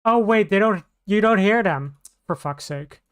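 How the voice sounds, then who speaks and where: A woman's voice: mid-range voice, lively intonation, measured pace, smooth. A woman streamer chatting casually on a live stream, rambling and restarting her sentences. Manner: rambling, scattered, with many restarts.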